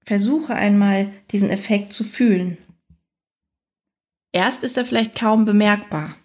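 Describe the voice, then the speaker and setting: A woman narrating a scripted guided fantasy journey in a soothing, unhurried manner, leaving long pauses between phrases. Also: medium pitch, a little mellow.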